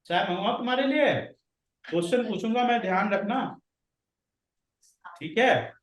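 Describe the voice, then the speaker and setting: A man's voice: high-pitched, expressive, moderate pace, fairly bright tone. A man with an Indian accent teaching a science class, questioning students and calling on them by name. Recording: roomy classroom audio from a distance.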